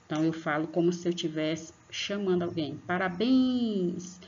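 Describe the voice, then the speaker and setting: Speaking a little fast in a deep, darkish voice with flat delivery, a woman gives a patient online lesson to children. She stretches out and stresses example words and talks to her pupils as "tia". The audio is dull and lo-fi, typical of an online class.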